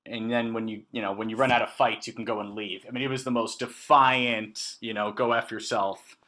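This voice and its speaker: A man co-hosting a casual sports podcast, animated and prone to hesitant restarts as he leads each segment. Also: fairly low pitch, a little fast. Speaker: podcast co-host.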